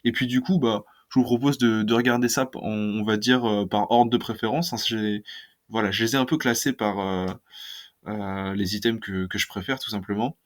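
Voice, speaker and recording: Man, casual video talk, hesitant, fillers, lowish pitch. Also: steady tone, moderate pace. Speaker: card collecting YouTuber.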